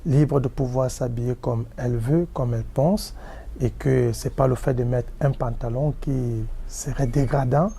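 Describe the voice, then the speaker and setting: A man in a street interview speaking deliberately. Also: medium pitch, steady tone, vocal fry, dark tone, slight background noise.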